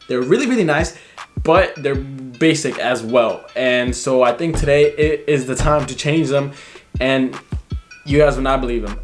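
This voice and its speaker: A young man excitedly talking through his car build in a casual vlog, rambling and swearing often. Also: medium pitch. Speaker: car vlogger.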